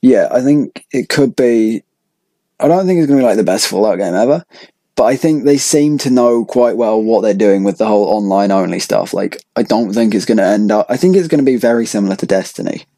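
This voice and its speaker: Young guy podcasting, mellow warm voice, dry close sound, says like a lot. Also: fairly low pitch, animated, brisk, dry recording. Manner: rambling, lots of "like" fillers. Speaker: podcast host. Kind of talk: casual chat.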